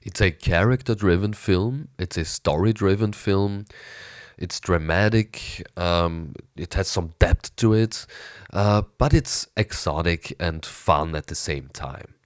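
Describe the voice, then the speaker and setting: A man with a raspy, hoarse voice from a cold, rambling enthusiastically through a casual film review with hesitant restarts. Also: sits low, takes it slowly, no echo, clean studio sound. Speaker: movie review vlogger.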